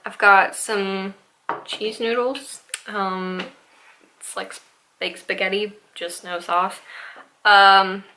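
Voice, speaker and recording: Young woman, vlogger, bright voice, rambling, hesitant, casual home eating show. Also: medium pitch, steady tone, slow pace, pauses often, slight background noise, poor audio. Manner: rambling, hesitant, full of ums and likes. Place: home room with a Christmas tree.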